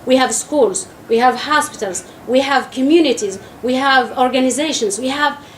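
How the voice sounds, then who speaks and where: A woman in her thirties from refugee camps in Algeria, an activist giving a public statement in an earnest, halting way with frequent pauses. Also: high voice. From Sahrawi refugee camps in Algeria. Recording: echoey room with faint noise.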